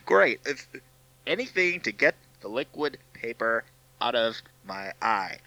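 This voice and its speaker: A man's voice: mid-range voice, sing-song, measured pace, pushed and bright, no echo, exaggerated voice, low-quality recording. A man playing a panicky, hapless cartoonist in a spoof commercial, stammering and whiny. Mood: flustered. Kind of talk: comedy sketch spoof commercial.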